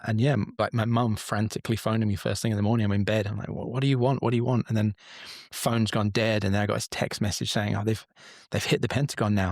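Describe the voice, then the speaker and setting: A man's voice: lowish voice, dry recording, studio quality. A man in his forties from England, telling a long personal story in a candid, rambling way as a podcast guest. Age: 40s. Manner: rambling, candid, swears casually. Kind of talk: casual storytelling.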